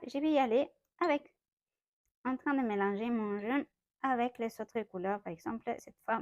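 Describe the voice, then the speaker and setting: This watercolor artist is a young woman from Mexico whose French, her second language, carries a Mexican Spanish accent. Chatting through a casual art lesson in her home studio, she keeps correcting herself with light laughs. Her mid-range voice is slightly mellow, and the audio is dry and dull.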